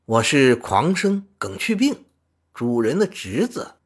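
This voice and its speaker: A man's voice: medium pitch, sing-song, slow. A man playing a brash young scholar. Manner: brash and jovial. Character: bold, carefree young male scholar.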